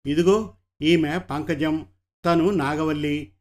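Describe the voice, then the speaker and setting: A man's voice: on the high side, fairly even intonation, slow. A man voicing a domineering middle-aged woman brothel keeper who talks in a commanding, threatening way.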